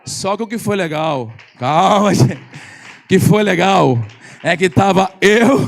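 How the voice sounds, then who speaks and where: Lively high-voiced Brazilian pastor preaching. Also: male voice, takes it slowly, creaky. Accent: Brazilian Portuguese. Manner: animated, teasing, often loud and raised. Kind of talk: sermon with storytelling. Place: church service.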